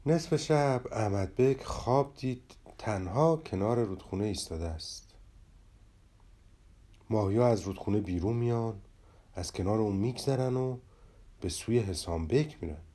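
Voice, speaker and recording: A man narrating a storybook tale in a calm, measured way. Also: fairly low pitch.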